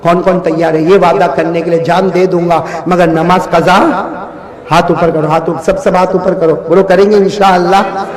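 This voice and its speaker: An impassioned male preacher, his voice pitched high. He shifts from soft pleading to ringing shouts and calls on the crowd to answer back, his words ringing through a large, echoing space with long reverb. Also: little pitch movement. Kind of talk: sermon to a large outdoor gathering. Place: large gathering with loudspeakers. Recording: echoey public address in a large space.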